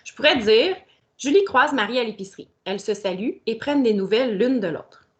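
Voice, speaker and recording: A woman's voice: fairly high pitch, animated, fairly quick, slight background noise. A woman teacher, explaining a grammar lesson step by step and speaking directly to the pupil. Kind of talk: recorded grammar lesson for children.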